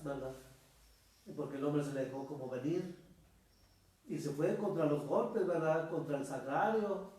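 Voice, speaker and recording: A priest, a man, delivers a storytelling sermon and speaks to his congregation as brothers. His voice sits a little high yet sounds dark and mellow. It is picked up from far off, with strong church echo all around. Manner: storytelling, addresses listeners as brothers.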